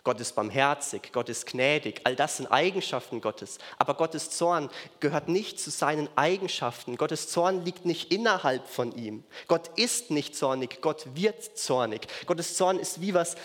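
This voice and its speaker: Earnest preacher, slightly high voice, reverberant hall. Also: male voice, a little slow, hardly any pauses, fairly bright tone. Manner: earnest, repeats key phrases for emphasis. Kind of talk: sermon. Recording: long reverb of a large hall.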